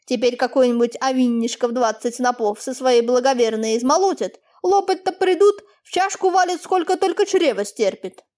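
A woman's voice: sits high, moderate pace, few pauses, a little mellow, lightly acted. A woman reading an audiobook, voicing an older peasant man who speaks plaintively and deferentially. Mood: sorrowful. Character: older peasant man, meek, sorrowful, fawning.

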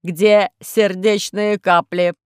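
A woman voicing a fussy, melodramatic male household robot in an audiobook, who speaks slowly and wails his lines. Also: medium pitch, level tone, smooth, dry recording, studio quality, close to an everyday voice.

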